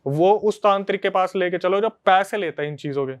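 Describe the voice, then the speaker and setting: A man hosting a podcast, telling a story to his friends in a casual, animated way. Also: high voice, a little fast, clean tone. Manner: animated, conversational retelling to friends.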